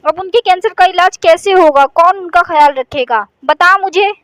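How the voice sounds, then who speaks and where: A woman's voice: extremely high pitch, normal speed, a bit bright, no echo. A woman voicing a vengeful young female teacher who has become a witch in a cartoon, in a threatening manner. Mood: anguished. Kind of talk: cartoon voice acting.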